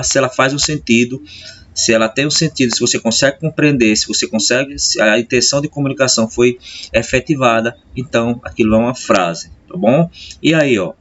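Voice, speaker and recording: A man with a Brazilian Portuguese accent teaching a grammar lesson, explaining patiently and often checking in with his listeners. He stretches key terms out slowly and hurries through the asides. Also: mid-range voice, a bit bright. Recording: slightly dull lo-fi sound with faint hiss.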